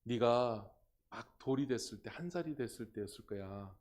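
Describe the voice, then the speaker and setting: A male pastor voicing a gentle mother who calmly and softly explains the past to her son in a lowered voice. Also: moderate pace, lightly acted. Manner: soft, calm, hushed.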